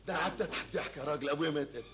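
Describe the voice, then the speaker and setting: Egyptian guy playing a giggly show-off posing as a mexican noble, high voice, rattles on fast, old theater tape. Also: lightly acted. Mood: giggly, chattering. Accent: Egyptian Arabic. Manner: giggly, chattering, breaks into loud laughter. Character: giddy, boastful grown man posing as a Mexican noble. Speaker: comic stage actor. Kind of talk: live stage comedy. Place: theater stage with live audience. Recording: roomy, noisy old theater stage recording.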